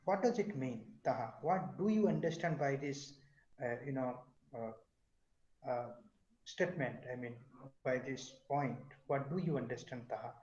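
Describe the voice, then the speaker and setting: Soft-spoken professor lecturing over a call. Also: male voice, mid-range voice, a little slow. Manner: questioning students, many fillers. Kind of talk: online class lecture. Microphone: video call. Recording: echoey, dull online class audio.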